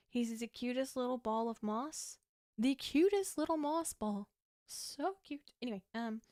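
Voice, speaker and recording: A woman's voice: a little high, a little mellow, no echo, clean studio sound. A young woman chatting casually while playing a game on stream, rambling and laughing often with many restarts. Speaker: VTuber streamer. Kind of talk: casual livestream chat while gaming. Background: faint game music.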